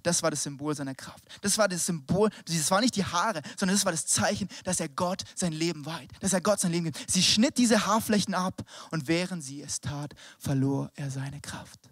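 A young man preaching a casual, lively sermon, swinging from hushed whispers to shouted urging, with slangy German and English words mixed in. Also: a little high, normal speed, few pauses, dry recording, clean studio sound.

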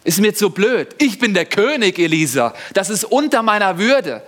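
A man's voice: high-pitched, sing-song, moderate pace, a bit bright, voice pushed up, full character voice. A man voicing a fed-up, proud male king who dismisses a prophet in a huffy tone. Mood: dismissive.

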